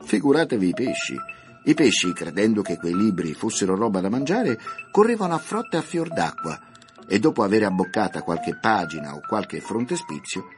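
A man with a low voice reads a children's classic aloud, swinging his pitch widely as he tells the story. Soft music plays under the narration. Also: normal speed. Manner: lively, expressive storytelling. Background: soft background music.

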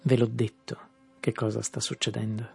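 A man reading an audiobook, voicing a proud, lovesick young man who speaks softly and insistently with a husky, breathy voice. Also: lowish voice, flat delivery, moderate pace, soft background music, heavily acted. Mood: intense.

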